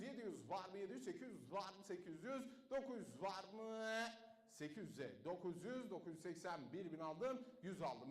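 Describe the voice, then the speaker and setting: A man working as a car auctioneer, rattling off bid after bid in a rapid chant and dropping his voice low each time he names the standing price. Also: reverberant. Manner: rattles off bids in a fast chant, drops low to call the price.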